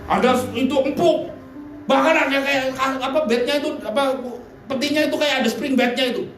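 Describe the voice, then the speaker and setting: In an echoey hotel hall where a church service is underway, a male pastor delivers a sermon through stories, voice impressions and blunt slang remarks. He has a very high, slightly bright voice with a steady tone at normal speed; the mic is distant and music plays faintly.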